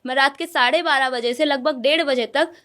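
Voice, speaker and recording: A woman's voice: sits high, fairly bright tone. A woman, a guest in a heated debate interview, arguing her side assertively and cutting in often. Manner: assertive, argues back fast, interrupts. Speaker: guest activist.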